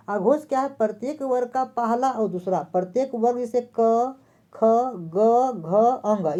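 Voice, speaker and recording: Mellow-voiced woman teacher. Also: a little high. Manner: asks a question and then answers it herself, repeating key terms. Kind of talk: exam-prep lesson. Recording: dull lo-fi recording.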